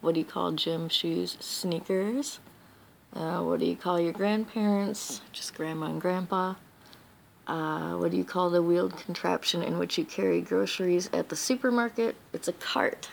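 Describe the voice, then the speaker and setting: A woman's voice: fairly low pitch, steady tone, normal speed, gravelly, slight background noise. A young woman from Wisconsin with a Wisconsin accent, sleepy and mumbling as she records a casual accent challenge from bed late at night. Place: bedroom, in bed.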